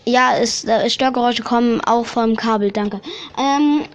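High-voiced woman chatting casually. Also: steady tone, a little slow. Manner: chatty, laughing, restarts sentences. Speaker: podcast co-host. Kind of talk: casual chat. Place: home room without sound insulation.

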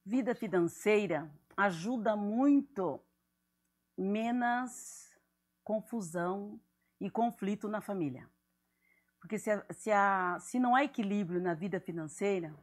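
Laughing woman pastor telling stories. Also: lowish voice. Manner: animated, laughs often, acts out what people said. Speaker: pastor being interviewed. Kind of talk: casual church interview, storytelling.

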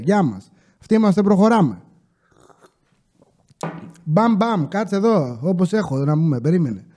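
Man, high voice, mellow tone, casual comic storytelling, joking asides. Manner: animated, joking, slangy, with coughs and asides. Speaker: podcast host telling casino work stories.

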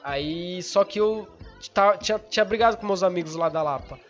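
A young man, hosting a podcast while stoned, rambling and excitable, swearing often and losing his thread. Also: high voice, moderate pace, highs cut off, faint music behind. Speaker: podcast host. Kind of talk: casual rambling storytelling.

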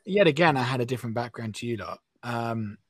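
A young man, an actor in a casual chat, speaking in a measured, thoughtful way. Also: medium pitch, expressive, a bit bright, no echo, studio quality.

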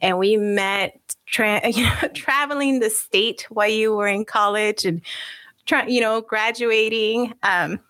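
A woman's voice: a little high, unhurried, a bit bright, no room sound, studio quality. A woman hosting an interview, thoughtful and loosely paced, mixing Spanish phrases into her English. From Guatemala. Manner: bilingual, mixes Spanish phrases. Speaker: host. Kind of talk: conversational interview.

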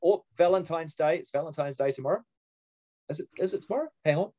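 A man's voice: fairly high pitch, quick pace, noisy background. Laid-back sweary man. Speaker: podcast co-host. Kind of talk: casual chat. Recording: slightly dull sound.

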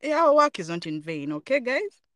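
A woman in her late twenties co-hosting a podcast, chatting in an animated way with many little interjections. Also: a little high, moderate pace. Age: late 20s. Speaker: podcast co-host. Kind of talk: casual chat.

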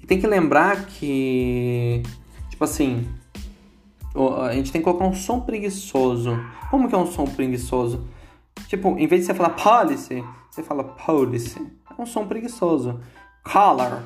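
An animated English teacher with a Brazilian accent and a fairly high, slightly mellow voice speaks at a moderate pace, with faint music behind him. He keeps the lesson casual and chatty, repeating words to show their pronunciation and asking "entendeu?".

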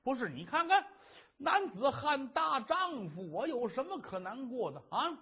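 A man's voice: extremely high pitch, very animated, a little slow, slightly rough, highs cut off, pitched above the performer's own voice, full character voice. A man voicing a worried husband who coaxes his wife to explain, in an earnest way. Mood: coaxing. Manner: coaxing, earnest. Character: worried doting husband, a scholar, boastful.

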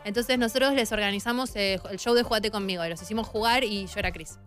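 A woman's voice: medium pitch, quick pace, a bit bright, faint music behind. A woman with a Rioplatense Argentine accent co-hosting a radio show, telling stories in a playful, self-mocking way. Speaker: radio co-host. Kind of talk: casual radio chat.

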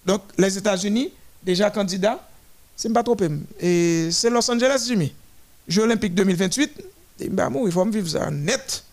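In a high voice, a man calls out the nations in a parade one at a time, his running commentary full of halting restarts.

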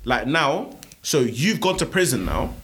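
A man's voice: medium pitch, very animated, measured pace, a bit bright, soft background music. A man with a London accent chatting casually in urban slang, often checking that his listener follows. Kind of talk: casual chat.

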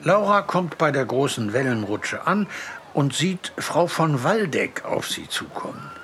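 Gentle male storybook narrator. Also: mid-range voice. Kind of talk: scripted children's audiobook narration. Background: faint music.

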